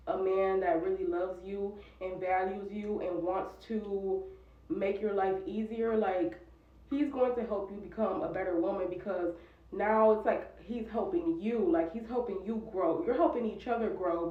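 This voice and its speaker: A woman in her twenties from the United States, a vlogger, tells a personal story in candid, casual chat packed with "like" fillers. Her medium-pitched voice is far from the mic, giving a roomy, dull, off-mic sound.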